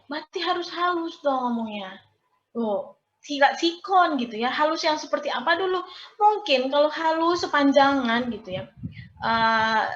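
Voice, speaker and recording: Casting note: woman nursing lecturer on a video call, highish voice, recapping answers, dull echoey audio. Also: a bit bright, slight background noise. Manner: explains and recaps students' answers, asks questions. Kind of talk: online class lecture. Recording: roomy, dull lo-fi sound.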